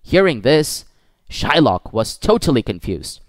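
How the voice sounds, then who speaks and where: A man narrating a classic story for schoolchildren in an expressive manner, with occasional slips. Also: mid-range voice, a little slow, no room sound.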